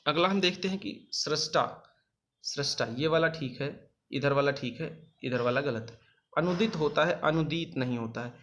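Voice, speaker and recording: A patient male spelling teacher who coaches students for exams, his voice on the high side with a fairly bright tone. In a spelling lesson over written slides, he repeats each word slowly and spells it out.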